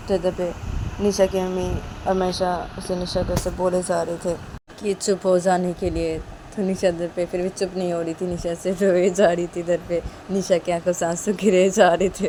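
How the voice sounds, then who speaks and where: A woman's voice: on the low side, background noise. A woman narrating a romantic story in a casual, rambling, repetitive way.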